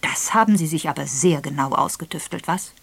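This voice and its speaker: A woman voicing a gruff, impatient, wealthy old invalid man who talks loudly and quickly in an audiobook. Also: deep voice, full character voice. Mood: sardonic. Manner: brusque, loud and quick.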